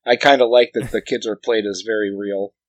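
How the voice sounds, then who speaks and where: A man's voice: lowish voice, fairly even intonation, a little fast, no room sound. A man co-hosting a casual podcast chat, making dry jokes and asides about a TV show. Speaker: podcast co-host.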